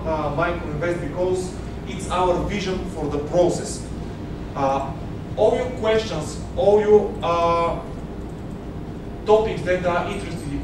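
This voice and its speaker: Bulgarian man in his 30s, conference software demo, halting delivery, heard from across a very echoey hotel room with a humming background. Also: high-pitched. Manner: hesitant, many filler sounds, non-native phrasing. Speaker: software presenter. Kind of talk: conference product presentation. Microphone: far camera. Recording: very echoey room, distant mic, background hum.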